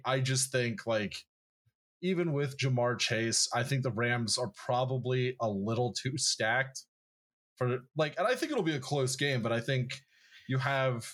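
A man's voice: medium pitch, fairly bright tone. A man co-hosting a podcast in casual sports chat, thinking aloud and hedging as he goes. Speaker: podcast co-host.

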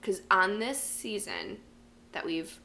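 A woman's voice: mid-range voice, huge pitch swings, slow pace, creaky, sharp tone, a little hiss or hum. A young woman co-hosting a podcast, chatting casually about reality TV with lots of asides. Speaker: podcast co-host. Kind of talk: casual chat.

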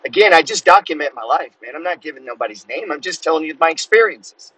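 A man's voice: fairly high pitch, lively intonation, fast talker, sharp tone, slightly rough, no room sound, low-quality recording. Blunt, cursing man in his fifties. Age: 50s. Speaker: podcast host. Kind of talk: profane motivational monologue.

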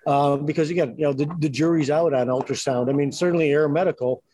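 A man's voice: fairly high pitch, fairly even intonation, quick pace, dark tone, dry recording, rough recording. Man talking through ideas on a dry panel. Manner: thoughtful, many fillers like "you know". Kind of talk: casual panel discussion.

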